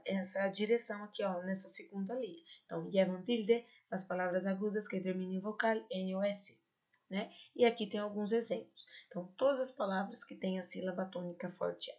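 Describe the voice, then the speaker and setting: A Brazilian woman teacher walks students through grammar rules. She repeats key points and checks understanding with quick tag questions. Her voice sits at an ordinary pitch, and the recording sounds muffled and lo-fi. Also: darkish tone. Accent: Brazilian Portuguese. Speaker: Spanish teacher. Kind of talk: online class lecture.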